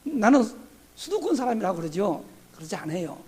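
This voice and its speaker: A man's voice: high-pitched, big pitch swings, brisk, darkish tone, slightly rough. A middle-aged man from Korea's southwest, a pastor, preaching a sermon in a conversational way with many rhetorical questions. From Honam region, Korea.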